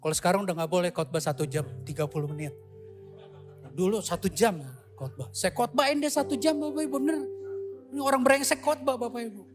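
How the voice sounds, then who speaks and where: A man's voice: high voice, a little fast. Storytelling male preacher, faint music underneath. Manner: storytelling, animated, addresses congregation. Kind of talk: sermon testimony.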